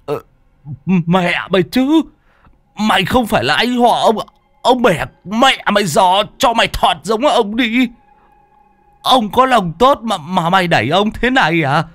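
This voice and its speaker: A man's voice: mid-range voice, sing-song, normal speed, no echo, pitched above the performer's own voice, close to an everyday voice. A man voicing a coarse, lame young village man, stammering and cursing.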